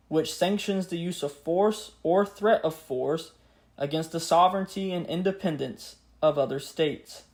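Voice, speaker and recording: A man giving a scripted history narration in a grave, measured, earnest way, as a podcast host. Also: on the high side, a little mellow. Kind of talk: scripted history narration with a solemn read-out speech.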